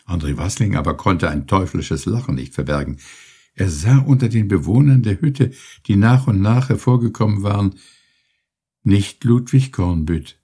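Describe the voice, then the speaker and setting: A man narrating an audiobook in a scripted, expressive storytelling style. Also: lowish voice, moderate pace, slightly rough.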